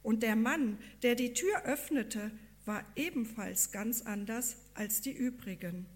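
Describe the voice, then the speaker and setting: A woman reading a devotional story aloud in a calm, measured, earnest way. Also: on the high side.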